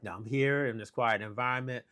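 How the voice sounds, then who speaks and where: A man's voice: mid-range voice, fairly even intonation, brisk, pushed and bright, smooth, dry recording, studio quality. A man reviewing gear and thinking aloud as he demonstrates it, his voice processed by noise cancellation that leaves reduction artifacts. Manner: talks easily while demonstrating, thinking aloud. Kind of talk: casual product test. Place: outdoors in a neighborhood.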